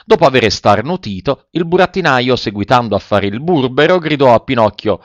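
A man reading a storybook aloud in a measured, expressive way. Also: medium pitch, no echo, lo-fi sound. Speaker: audiobook reader. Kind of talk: scripted storybook narration.

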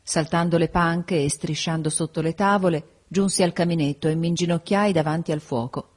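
A woman narrating a classic novel as an audiobook, in a measured, even storytelling manner. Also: lowish voice.

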